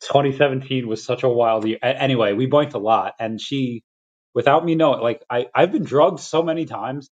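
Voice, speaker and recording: A young man from Peru hosting a casual livestream chat, rambling and restarting his sentences, with quick laughs between thoughts. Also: mid-range voice. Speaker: crypto livestream host. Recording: lo-fi dull audio.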